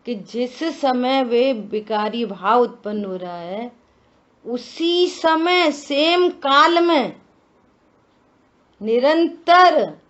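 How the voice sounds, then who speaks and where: A woman giving a religious scripture discourse, slow and deliberate, asking many rhetorical questions. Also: high-pitched, lively intonation, fairly bright tone, highs cut off. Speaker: scripture teacher.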